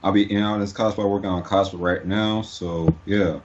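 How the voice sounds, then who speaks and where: Man, podcast guest, low voice, hesitant, lots of ums, dull lo-fi audio. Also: fairly even intonation, normal speed, background noise. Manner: hesitant, full of ums and uhs. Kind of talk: casual podcast chat.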